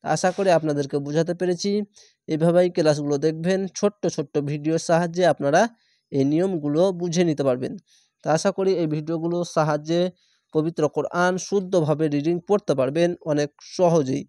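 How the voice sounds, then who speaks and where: Slow-spelling male Quran reading teacher. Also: fairly high pitch, fairly even intonation, warm tone, dry recording, studio quality. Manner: slow, syllable-by-syllable spelling with drawn-out recitation. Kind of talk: spelling-out Quran recitation lesson.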